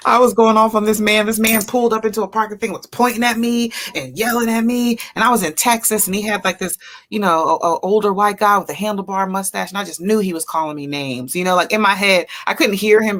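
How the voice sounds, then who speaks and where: A middle-aged woman telling stories in a casual chat, animated and quick to laugh. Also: medium pitch.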